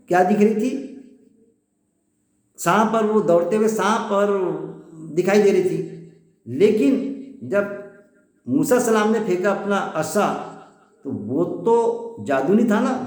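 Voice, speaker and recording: A man's voice: high-pitched, a little mellow, roomy sound. A man giving an informal religious lesson, explaining verses step by step, repeating his points and asking rhetorical questions. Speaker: Quran teacher.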